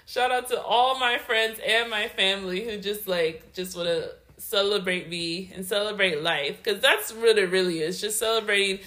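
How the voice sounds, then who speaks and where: A woman in her late twenties co-hosting a podcast, chatting in a giggly, expressive way. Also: mid-range voice, normal speed, few pauses. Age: late 20s. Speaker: podcast co-host. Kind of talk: casual chat.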